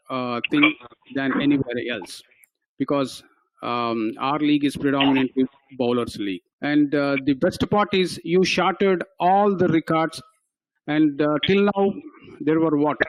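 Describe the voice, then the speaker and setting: A man's voice: on the high side, no echo, low-quality recording. A man hosting a casual radio sports talk show, who often stops and restarts his sentences.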